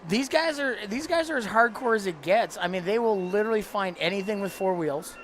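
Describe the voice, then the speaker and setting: A man being interviewed as a parts vendor, speaking in an emotional, heartfelt way with halting pauses. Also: high voice, lively intonation, fairly bright tone, a little hiss or hum. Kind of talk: live interview.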